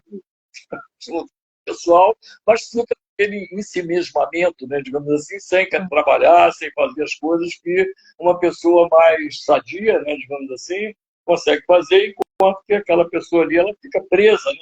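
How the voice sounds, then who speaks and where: Rambling older man with gravelly voice. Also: sits high, very animated, normal speed. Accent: Brazilian Portuguese. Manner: rambling, lots of fillers and tag questions. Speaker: psychoanalyst guest. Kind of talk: live interview, lecturing. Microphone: video call. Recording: dull lo-fi web stream audio.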